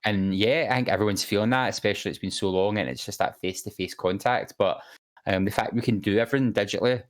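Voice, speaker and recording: A man's voice: lowish voice, fast talker. A man co-hosting a casual podcast, reading viewer comments aloud with many fillers and restarts. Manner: hesitant, many fillers and repeated words. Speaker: co-host reading chat.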